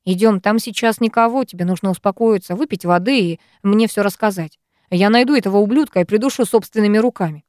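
A woman reading the lines of a protective, furious young man in an audiobook, forceful and commanding. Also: medium pitch, quick pace, no echo, clean studio sound, close to an everyday voice.

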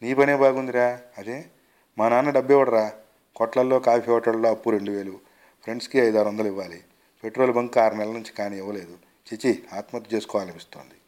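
Man reading a rich young man, boastful, breezy, offhand, low voice, storybook. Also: steady tone, fast, a little mellow, close to an everyday voice. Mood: complaining.

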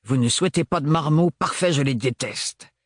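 Stern unbending man in an audiobook, clipped and hard, husky low voice, as the reader plays him. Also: normal speed, no room sound, studio quality, natural voice. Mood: curt, cold. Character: tall stiff man, curt and cold.

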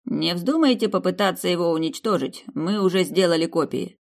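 A woman's voice: on the low side, fairly quick, gravelly. A woman voicing a stern young captain. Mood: formal.

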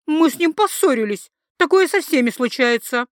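A woman's voice: high-pitched, lively intonation, normal speed, dry recording, studio quality, voice pushed up. A woman reading an audiobook, voicing a pushy, quarrelsome young wife in a raised, insistent voice.

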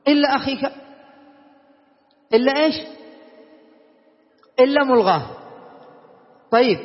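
A man teaching a classroom grammar lesson, often quizzing his students and reciting verses slowly and deliberately. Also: very high voice. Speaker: teacher explaining Arabic grammar. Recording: lo-fi, reverberant classroom recording.

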